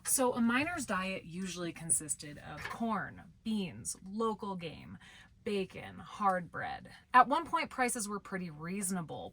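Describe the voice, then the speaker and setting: This travel vlogger, formerly a tour guide, walks her viewers through a place with chatty enthusiasm and guide-style storytelling. Her lowish voice has a slight brightness, and music plays in the background along with a little noise.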